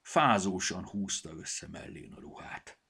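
A man reading a children's story aloud in an expressive way. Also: sits low, husky. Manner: expressive, animated.

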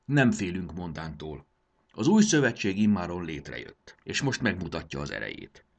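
A man's voice: sits low, sing-song, vocal fry, muffled recording, full character voice. A man voicing a commanding creature leader who rallies a rebel alliance in an audiobook. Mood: rousing. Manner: stirring, commanding speech. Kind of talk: audiobook character voice.

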